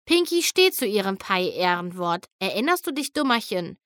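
A woman's voice: medium pitch, big pitch swings, moderate pace, a bit bright, no echo, clean studio sound. Woman doing a bubbly young pony girl. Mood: forced cheer. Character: bubbly young female pink pony, chirpy.

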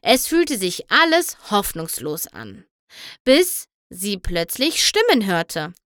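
A woman calmly narrating a children's storybook aloud with expressive storytelling. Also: medium pitch, takes it slowly, dry recording, clean studio sound. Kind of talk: audiobook storybook reading.

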